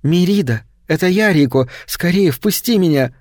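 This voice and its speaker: A man's voice: sits high, animated, moderate pace, darkish tone, no room sound, studio quality, pitched above the performer's own voice. A man doing a whispering female vampire. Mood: pleading. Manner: whispering, clinging, hungry. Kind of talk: audiobook reading.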